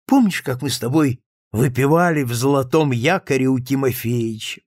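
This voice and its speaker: A man's voice: medium pitch, moderate pace, darkish tone, no room sound, clean studio sound, close to an everyday voice. A man reading an audiobook, voicing a drunken, self-pitying male friend who pleads and boasts emphatically. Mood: maudlin, boastful.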